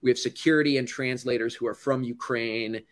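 Speaking briskly in a steady, medium-pitched voice, a U.S. news correspondent casually relates stories to a crowd. His delivery is relaxed and conversational, sprinkled throughout with "like" and "you know."

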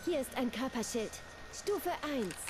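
A woman's voice: sits high, animated, a little slow, music in the background. An actress playing a female shooter game character giving clipped tactical squad callouts over game audio. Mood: calm. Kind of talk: video game voice lines.

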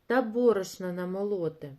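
A woman reading a children's storybook, voicing two lazy, playful little mice who exclaim in high, squeaky voices. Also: moderate pace, a little mellow, lightly acted. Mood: carefree.

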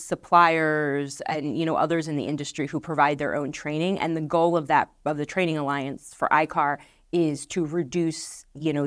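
A middle-aged woman, a marketing director appearing as a guest, responds to interview questions on a podcast set in a low, dry voice. Her earnest explanations loop back on themselves with fillers and restarts. The lapel mic gives a close, dead sound with no echo.

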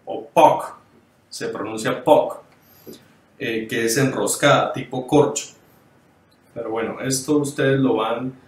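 A man with a mid-range voice teaches dog grooming online over slides, taking it step by step and frequently checking in with students. His delivery is halting, restarting, repeating and correcting words. He is off-mic and distant in an echoey room.

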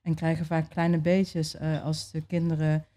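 A young adult woman being interviewed, telling a personal story in a relaxed way, with many fillers and restarts. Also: low-pitched, unhurried. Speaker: interview guest.

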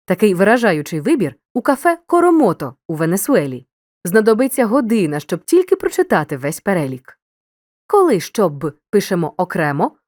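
A woman narrating a scripted grammar lesson as a teacher, giving clear instructions and speaking straight to the learner. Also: mid-range voice, a little mellow, dry recording, clean studio sound. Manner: clear didactic instruction, addresses the learner directly.

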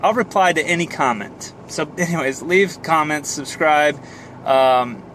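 At a measured pace, a vlogger in his thirties with a slightly high, fairly bright voice rambles jokingly about himself to camera as he drives. Road and fan noise from the car cabin sit underneath, along with car and air sounds.

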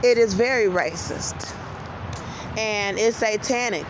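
An American woman in her thirties vlogs while walking a city street at night, speaking insistently and emphatically into a handheld phone held at arm's length. Her medium-pitched voice is slow and often repeats phrases, in a livestream-style monologue to camera. The noisy phone recording picks up traffic and street sounds.

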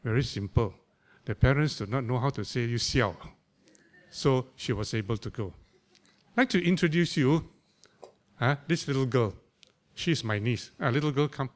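A man's voice: medium pitch, moderate pace, long pauses. An older man, introducing a speaker in a church hall, teasing and using local slang. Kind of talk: informal introduction. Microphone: stand mic.

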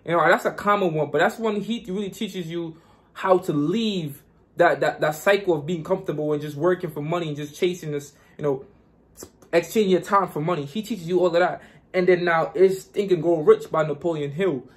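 A man's voice: a little high, a little fast. A young man from Guyana vlogging casually and giving hyped, repetitive motivational advice.

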